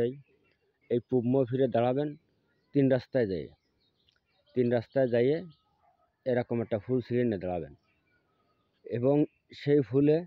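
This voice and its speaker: A man's voice: mid-range voice, dry recording. A man, a folk healer giving outdoor step-by-step instructions, repeating himself and restarting words often. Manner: plain, repetitive instruction with frequent stammered restarts. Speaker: folk healer teaching a mantra. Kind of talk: spoken outdoor how-to demonstration. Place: outdoors by trees at sunrise. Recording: dull, dry lo-fi recording.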